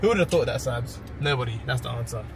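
Playful London man, lively voice. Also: medium pitch, fast, background noise. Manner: playful, boastful, animated. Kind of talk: casual vlog chat.

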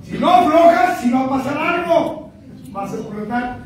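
A man's voice: very high-pitched, lively intonation, normal speed. A man with a Mexican accent, a sponsor giving a profane, scolding testimony to a rehab group. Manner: profane, scolding, half-shouting. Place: rehab group meeting room. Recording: echoey room from far off, noisy.

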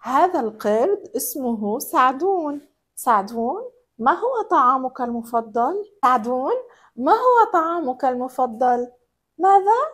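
A woman's voice: sits high, big pitch swings, unhurried, fairly bright tone, reverberant. A woman presenting a children's lesson, playful and exaggerated, coaxing little ones to repeat words. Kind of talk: teaching toddlers.

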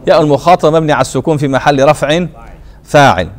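A man with a fairly high voice gives a classroom grammar lecture in a mosque teaching circle. He fires short checking questions at his students and answers them himself. He stretches each example word out slowly and repeats it. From Tunisia.

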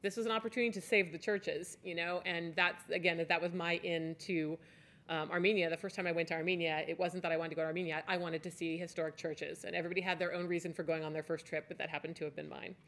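A woman's voice: on the low side, little pitch movement, quick pace, a bit bright. A woman in her forties giving a conference talk at a podium on a stage, chatty and loose, with restarts and fillers. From United States. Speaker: conference speaker. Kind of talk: conference presentation. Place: stage in a large hall. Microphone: podium mic.

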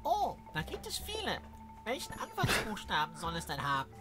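Chirpy switchboard operator, high and swooping, distant over an old candlestick telephone with game music behind. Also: wildly swooping pitch, moderate pace. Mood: perky.

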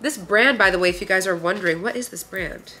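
Speaking quickly in a sharp, medium-pitched voice, a young adult Romanian vlogger addresses her viewers in a casual haul video. She's set up with a camera in a bright indoor living room, and her talk is gushing and chatty, stuffed with filler words, especially "like."

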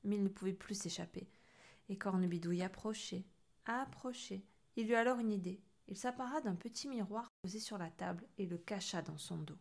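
A woman's voice: medium pitch, fairly quick, creaky. A woman reading a children's story. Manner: expressive, animated reading.

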